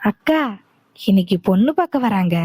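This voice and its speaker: A woman's voice: medium pitch, expressive, moderate pace, close to an everyday voice. A woman voicing a cheerful younger sister in a cartoon, urging her older sister to come home. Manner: urging, teasing. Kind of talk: cartoon voice acting.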